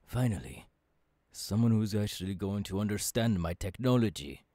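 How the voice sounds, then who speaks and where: A man playing an eager, kindly professor mentoring an apprentice in an ASMR roleplay, with halting, dramatic pauses. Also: lowish voice, lively intonation, dark tone, no echo, clean studio sound. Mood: eager, welcoming. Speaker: voice actor, ASMR artist.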